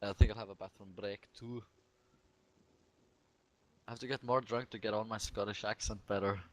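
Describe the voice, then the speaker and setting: A man's voice: on the low side, fairly even intonation, normal speed. A man joking casually with his gaming group during a break. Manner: joking, laughs often. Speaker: player.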